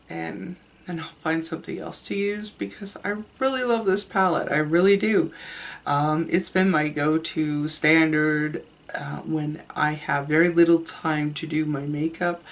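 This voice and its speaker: A beauty vlogger with a deep, stuffed-up, sick-sounding voice chats candidly to camera in a casual makeup review. She speaks unhurriedly, trailing off and restarting as she goes.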